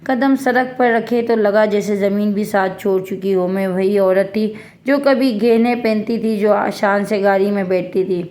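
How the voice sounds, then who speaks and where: A woman reading a first-person family story aloud in a steady, sorrowful storytelling manner. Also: mid-range voice. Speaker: narrator.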